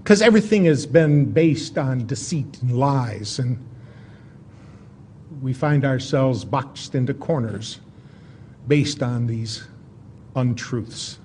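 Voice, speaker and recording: A man giving an informal history lecture as a storyteller, in a folksy, conversational way with dramatic pauses. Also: medium pitch, expressive, warm tone, slight background noise.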